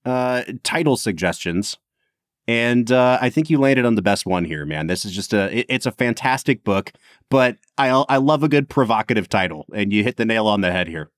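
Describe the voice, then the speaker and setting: A man's voice: on the low side, normal speed, no room sound, clean studio sound. A man co-hosting a podcast, chatting casually and playfully. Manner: playful, animated hosting with laughs. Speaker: podcast co-host.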